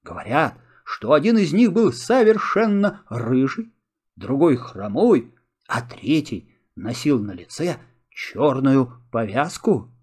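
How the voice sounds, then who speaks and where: A man's voice: medium pitch, big pitch swings, slow, darkish tone, husky. A man narrating a children's filmstrip story, expressively.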